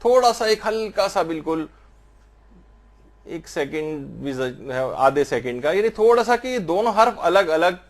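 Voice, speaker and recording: Man slowly teaching prayer pronunciation. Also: sits high, big pitch swings. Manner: patient, explanatory, slowly demonstrates Arabic pronunciation. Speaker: religious teacher. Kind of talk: religious instruction on prayer recitation.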